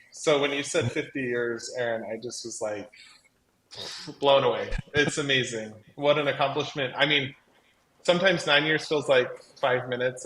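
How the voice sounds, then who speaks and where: A man whose voice carries appears as a guest on a live stream, chatty and effusive as he tells his own story and peppers it with "like." He co-founded a crafting company, his mid-range voice is fairly bright, and the recording has a roomy echo with faint background noise.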